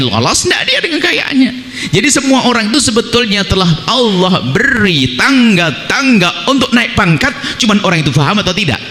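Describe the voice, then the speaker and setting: A man preaches a lively, conversational sermon, slipping into a lower voice to act out people's prayers. His voice is bright and fairly high. It rings the long reverb of a hall.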